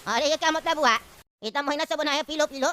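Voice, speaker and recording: A woman voicing a scheming old uncle in a cartoon, coaxing and evasive, over loud background noise. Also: high voice, fast talker, close to an everyday voice. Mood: sly. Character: scheming old male uncle, tea-maker.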